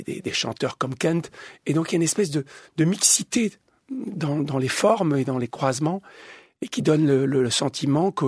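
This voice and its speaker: A man's voice: medium pitch, slightly rough, no echo, clean studio sound. A man from Belgium, a comics author answering interview questions, searching for words with many restarts and repeated words. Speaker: comics artist guest.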